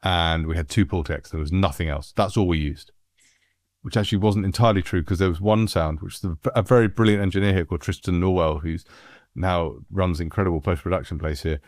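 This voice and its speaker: A middle-aged man from England, a music producer, telling anecdotes in a relaxed, animated way with frequent laughs. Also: sits low, a little fast, no echo. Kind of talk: relaxed storytelling.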